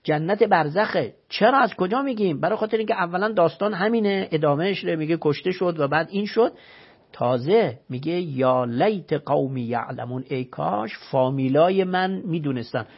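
Gravelly husky man, emphatic scholar. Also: high-pitched, lively intonation, highs cut off. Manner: emphatic, rhetorical questions, recites scripture. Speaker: religious scholar guest. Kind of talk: explanatory religious talk.

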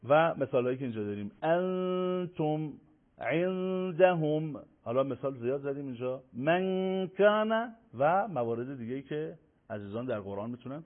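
A man teaching Quran recitation rules on a broadcast, drawing out example words in slow sung demonstrations. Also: medium pitch, very animated. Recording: narrow phone-like broadcast audio.

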